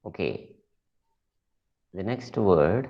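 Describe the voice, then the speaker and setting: A male teacher leads an online lesson at a very slow, careful pace, dragging out words to show how they sound. His low voice carries a gravelly fry. The audio is dull and lo-fi, like a class sent over a weak network. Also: expressive. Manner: deliberate, repeats words slowly for pronunciation; switches between English and Malayalam. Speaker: English teacher.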